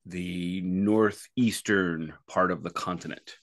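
A man hosting a podcast over a remote call, his audio warbling and glitching as he talks in a slow, halting way. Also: sits low, fairly even intonation, dry recording, clean studio sound. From United States. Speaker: podcast host. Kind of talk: casual chat. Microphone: remote call microphone on an old laptop.

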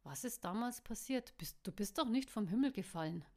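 A woman reading a story voices a cool, determined young man with a slightly rough edge. He speaks steadily and earnestly, lightly acted near the reader's own voice. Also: medium pitch, expressive, fairly quick, darkish tone, natural voice.

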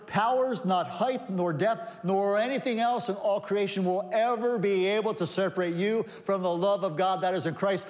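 A man with a high tenor delivers a sermon from a church sanctuary. He stacks rhetorical questions and answers them with rising emphasis, and his voice trails off in a long, echoing reverb. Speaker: pastor.

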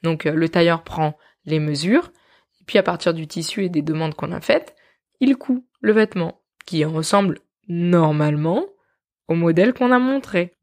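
Lively woman narrating a podcast. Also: lowish voice, moderate pace. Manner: lively, self-mocking, laughs often. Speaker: podcast host.

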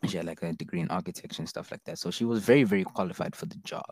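A man's voice: low voice, rapid-fire, no echo, clean studio sound. A young man in casual chat, telling things in a rambling, slangy way. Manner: slangy, rambling storytelling, frequent "bro".

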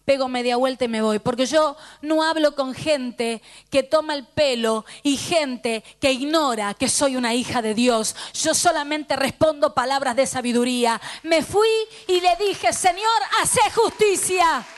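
A woman's voice: sits high, moderate pace, hardly any pauses. A middle-aged woman pastor with a Rioplatense Spanish accent, fervently telling a personal testimony in a sermon and quoting the people in it. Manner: fervent storytelling, quoting dialogue.

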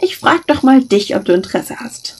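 A woman's voice: high-pitched, sing-song, normal speed, slightly rough, voice pushed up, full character voice. A woman reading aloud and voicing a mischievous young woman who teases her friend with dry, mocking banter. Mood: sweetened.

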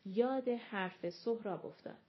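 A woman narrating a novel as an audiobook in a steady, measured reading. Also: a little high. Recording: dull lo-fi audio.

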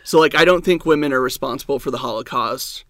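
A man's voice: mid-range voice, quick pace, a bit bright, no echo, clean studio sound. A man, a stand-up comedian and the guest, telling a story in casual chat, rambling and filling his talk with "like" and "um". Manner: rambling, heavy use of "like" and "um".

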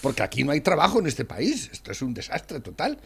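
A man, co-hosting a casual political chat, loud and laughing easily. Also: on the high side, huge pitch swings, brisk, vocal fry, husky. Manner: rattles off a long word list loudly, then chats with laughs. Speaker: co-host.

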